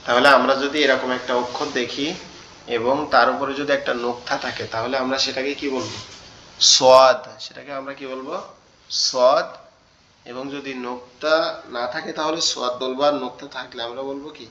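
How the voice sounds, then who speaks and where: A man's voice: mid-range voice, level tone, fast, sharp tone, a little hiss or hum. A man teaching Arabic letters in an online class, patiently repeating each sound and questioning his students. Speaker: Quran teacher. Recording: dull online call audio.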